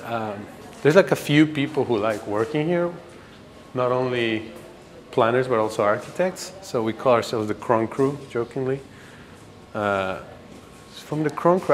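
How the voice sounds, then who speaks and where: A man in his twenties from Ecuador, casually rambling with fillers while giving a campus tour as a graduate student. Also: on the low side. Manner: rambling, relaxed, many fillers and restarts. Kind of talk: casual documentary interview.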